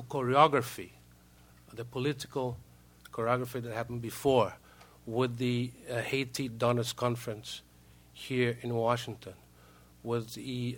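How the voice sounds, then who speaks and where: A man's voice: medium pitch, fairly bright tone. A Brazilian man, a native Portuguese speaker, giving formal remarks as a diplomat in broken English, hesitating often and repeating words.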